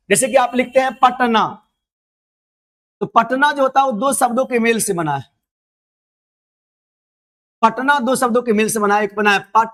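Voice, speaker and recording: A man's voice: extremely high pitch, a bit bright. A man who teaches an online exam-prep lesson. He explains things over and over in a coaxing way and mixes English terms into his talk.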